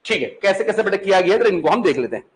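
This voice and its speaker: A man's voice: high-pitched, big pitch swings, very fast, a little hiss or hum, poor audio. A man with a Pahari-influenced Hindi accent teaching a class in a classroom, patient and chatty, often repeating his questions back to the students and checking that they follow. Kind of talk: classroom lecture.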